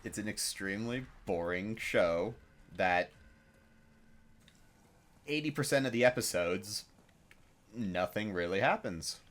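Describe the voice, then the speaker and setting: Deep-voiced rambling man chatting. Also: animated, slow, pauses often, fairly bright tone. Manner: rambling, hesitant with many fillers, slangy. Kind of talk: casual chat while gaming.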